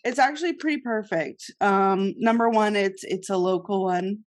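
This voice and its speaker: A woman's voice: mid-range voice, moderate pace. A woman co-hosting a podcast in a studio, chatting casually and giggling often. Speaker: podcast co-host. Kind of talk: casual chat.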